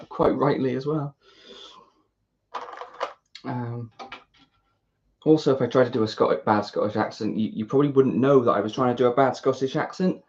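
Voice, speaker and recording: This British YouTuber has a bass, slightly mellow voice and talks to herself while assembling a model kit. Her chat is casual, rambling, and self-deprecating, captured on a dull lo-fi mic.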